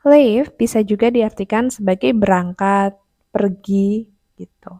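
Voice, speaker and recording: A woman teaching vocabulary, saying each word twice and then reading example sentences slowly and clearly in a patient explaining tone. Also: medium pitch, warm tone, no echo, clean studio sound. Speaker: English teacher. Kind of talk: vocabulary lesson narration.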